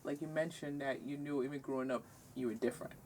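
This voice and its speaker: A woman hosting a podcast, asking questions gently and backing up her guest with soft affirmations. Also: rumbling low, fairly even intonation, quick pace, recorded from a distance, a little hiss or hum. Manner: supportive listener, frequent soft affirmations. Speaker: podcast host. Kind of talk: interviewing, casual conversation.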